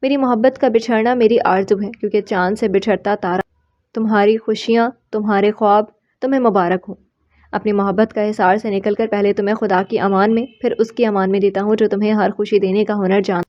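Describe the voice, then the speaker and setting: A woman voicing a heartbroken young man, soft, tender and resigned. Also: medium pitch, fairly even intonation, highs cut off, close to an everyday voice. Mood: sorrowful. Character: heartbroken young man writing a farewell letter.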